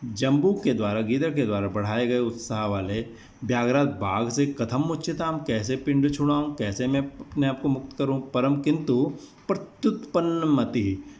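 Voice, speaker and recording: A male teacher explaining a classroom text line by line, slowly glossing each word and repeating meanings. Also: medium pitch, a little mellow. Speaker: Sanskrit teacher.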